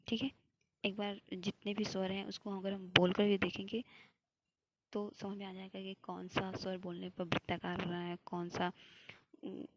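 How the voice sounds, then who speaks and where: A woman's voice: mid-range voice, flat delivery, moderate pace, noisy background. A young woman teaching Hindi grammar for an exam, explaining step by step and answering her own questions. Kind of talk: classroom lecture.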